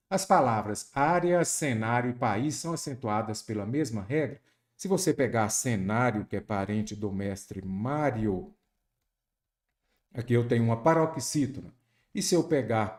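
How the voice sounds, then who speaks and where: Male grammar teacher from Brazil, exam prep lesson, emphatic, quizzes the viewer, medium pitch. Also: darkish tone. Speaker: Portuguese teacher.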